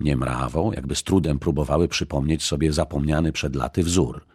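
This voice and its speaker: A male audiobook narrator with an extremely deep, husky voice, reading in a measured and expressive way. The recording is close and completely dry, with no room sound. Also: no room sound. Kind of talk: scripted narration.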